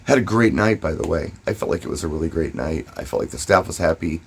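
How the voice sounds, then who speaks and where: Deep-voiced and animated, this husky DJ and vlogger shares personal advice and stories in a casual, emphatic way, pausing briefly for effect. A little background noise can be heard.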